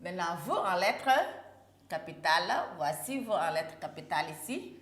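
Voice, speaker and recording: A woman's voice: lowish voice, lively intonation, normal speed, a bit bright. A woman teaching a primary class, drawing out and repeating words for young pupils. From Senegal. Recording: echoey classroom.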